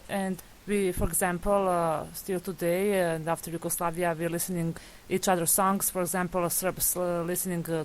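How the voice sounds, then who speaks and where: A woman's voice: lowish voice, slight background noise, poor audio. A woman in her twenties from Serbia with a Serbian accent, a native Serbian speaker, answering interview questions in English outdoors with many examples. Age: 20s. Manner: eager, explaining with many examples and fillers.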